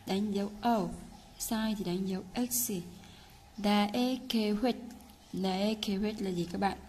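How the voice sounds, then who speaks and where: A woman teaching Korean in a casual lesson, patiently repeating words slowly for learners. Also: mid-range voice, darkish tone, slight background noise. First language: Vietnamese.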